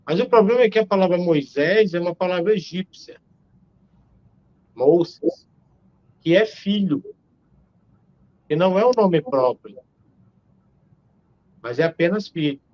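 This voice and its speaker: A Brazilian man in his forties argues his point with emphasis, piling up rhetorical questions. His voice sits a little high. The sound is dull and lo-fi, as over a video call. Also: expressive, unhurried, long pauses. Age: 40s. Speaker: theologian guest. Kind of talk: live-stream discussion.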